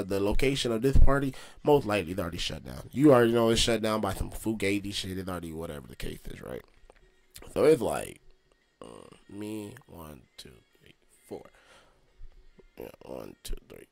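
A young man casually telling a story, slangy and animated, with lots of swearing. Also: medium pitch. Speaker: host.

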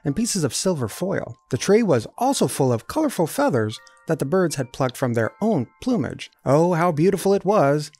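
Lively, gravelly male storyteller. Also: fairly high pitch, normal speed, hardly any pauses, no room sound, soft background music. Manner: lively, expressive reading. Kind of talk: children's storybook read-aloud.

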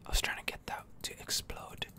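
Over gameplay, a gamer offers whispered ASMR narration right up against the microphone, thinking aloud in an unhurried, tentative manner.

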